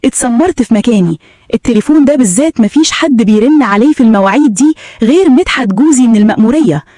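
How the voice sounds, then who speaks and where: Fast, tense Egyptian woman narrator. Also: fairly high pitch, expressive, dark tone, no room sound, clean studio sound. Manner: tense, dramatic storytelling. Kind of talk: first-person story narration.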